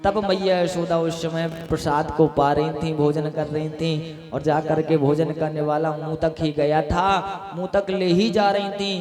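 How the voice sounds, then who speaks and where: A man's voice: on the high side, level tone, measured pace. A man preaching a devotional story sermon, telling it emotionally and with repetition. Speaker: katha preacher. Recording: echoey hall with music behind.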